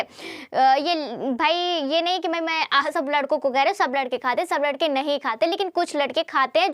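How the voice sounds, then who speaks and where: A woman's voice: very high-pitched, fairly bright tone, dry recording, studio quality. A woman teacher giving a chatty motivational study lesson, often repeating herself and asking rhetorical questions.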